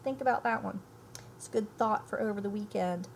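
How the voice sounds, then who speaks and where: This elementary school teacher talks a little fast in a gravelly, medium-pitched voice as she reads a storybook aloud and explains it. She is emphatic and thinks aloud for her young audience. The low-quality recording carries slight background noise.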